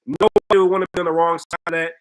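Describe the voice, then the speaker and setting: Chatty man with a higher voice. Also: steady tone, very fast, fairly bright tone, low-quality recording. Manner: chatty, frank, reads comments aloud and answers. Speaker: podcast host reading viewer comments. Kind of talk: casual live-stream chat.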